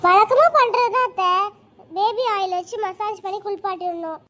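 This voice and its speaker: A woman's voice: very high voice, normal speed, pushed and bright, a little hiss or hum. A woman voicing a sly young wife. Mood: earnest. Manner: sweet on the surface, sly. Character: scheming young wife, sweet-talking and sly. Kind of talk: cartoon voice acting.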